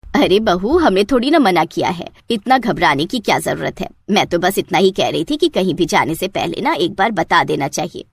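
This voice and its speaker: A woman's voice: on the low side, animated, moderate pace, creaky, husky, no echo, studio quality, pitched below the performer's own voice, exaggerated voice. A woman voicing a bossy, suspicious older mother-in-law. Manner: bossy, questioning.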